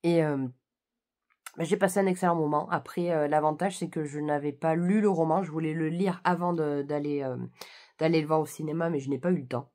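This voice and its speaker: A young woman from France chats in a casual, rambling way, full of fillers and restarts. Her voice sits low for a woman. She talks like a friendly book vlogger. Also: steady tone, fairly quick, darkish tone. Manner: chatty, many fillers and restarts. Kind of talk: casual chat.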